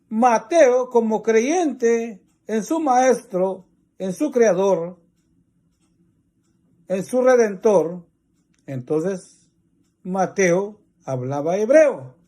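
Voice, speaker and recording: A man with a Mexican Spanish accent, preaching a religious teaching in slow, deliberate, repetitive phrases. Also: sits high, mellow.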